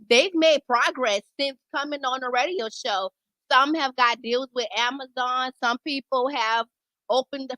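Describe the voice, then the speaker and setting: A woman's voice: sits high, sharp tone, no room sound, low-quality recording. A woman hosting a radio show, talking in a casual, conversational interview style.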